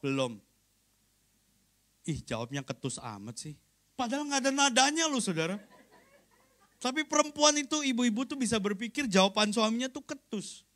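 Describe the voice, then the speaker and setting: A man's voice: sits high, a bit bright. A man, a pastor, preaching a sermon in a conversational, joking way, often turning to the congregation and acting out everyday exchanges. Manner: acts out short everyday exchanges.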